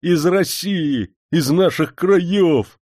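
A man voicing an eager, emotional Russian serf manservant who speaks in drawn-out, fervent exclamations. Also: medium pitch, expressive, darkish tone, no echo, studio quality, pitched above the performer's own voice. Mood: joyful.

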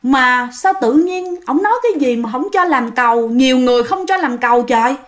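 A woman's voice: sits high, expressive, a little fast. A woman voicing an irritated middle-aged male construction commander. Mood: bewildered. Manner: defiant, grumbling.

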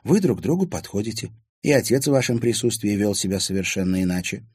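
A man's voice: fairly low pitch, animated, fast, darkish tone, husky, no room sound, clean studio sound, voice pushed up. A man voicing an earnest young woman in an audiobook, plain-spoken and direct.

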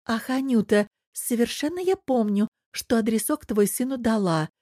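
A woman's voice: a little high, normal speed, mellow, no room sound, studio quality, voice pushed up, close to an everyday voice. A woman voicing a tired, guarded middle-aged woman who speaks politely and with restraint in an audiobook.

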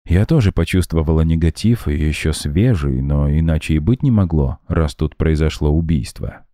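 A composed, perceptive young woman who speaks thoughtfully and evenly, as a deep-voiced male reader puts her on. The voice stays low and dark. Dry close recording. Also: moderate pace, no room sound.

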